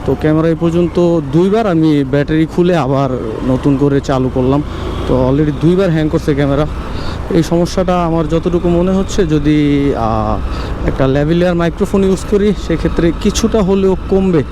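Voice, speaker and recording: Fast-talking Bangladeshi man over road noise. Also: on the high side. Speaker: motorcycle vlogger. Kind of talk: casual motovlog commentary. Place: outdoors, riding a motorbike on city roads. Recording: clear road and traffic noise.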